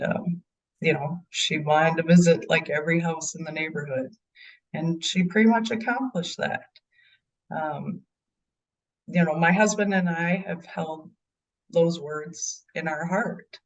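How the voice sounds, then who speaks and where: A woman's voice: sits low, fairly even intonation, slow pace, recorded from a distance, poor audio. A middle-aged mother answering interview questions in an earnest way, with frequent ums. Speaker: bereaved mother and guest.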